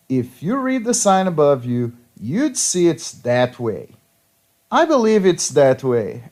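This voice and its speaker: A man's voice: mid-range voice, darkish tone. A man reading petty revenge stories aloud, with a sarcastic storytelling manner. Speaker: story narrator.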